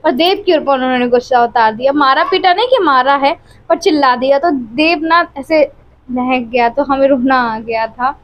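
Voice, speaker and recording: A woman's voice: sits high, moderate pace. A woman family vlogger at home, speaking emotionally and directly to her viewers about her troubles, recorded on a phone camera. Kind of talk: tearful personal confiding to viewers. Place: at home, by the bed. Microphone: phone camera held close. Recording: dull, lo-fi phone audio.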